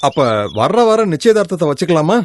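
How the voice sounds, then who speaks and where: An older village father in a film, talking through his daughter's match in a genial, persuasive way. His voice is fairly high and lively. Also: quick pace. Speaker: bride's father. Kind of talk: film acting.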